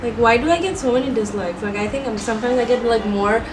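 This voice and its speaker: A woman's voice: fairly high pitch, fast talker, crowd noise. A young woman hosting a casual comedy vlog, giggly and answering with sarcastic comebacks. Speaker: host. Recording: echoey room with background noise.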